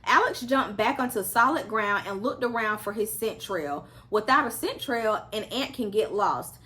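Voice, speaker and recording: A woman's voice: mid-range voice, animated, normal speed, sharp tone. A woman reading a children's story aloud as a storyteller, acting out the characters' lines expressively.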